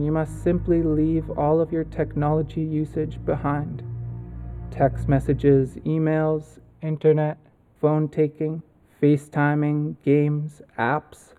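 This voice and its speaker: A man narrating a guided relaxation session in a calm, soothing manner with long pauses. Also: a little high, muffled recording. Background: calming guitar music.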